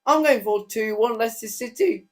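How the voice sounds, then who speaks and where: A man's voice: very high-pitched, normal speed. A man co-hosting a casual chat, giving short, eager replies. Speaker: co-host.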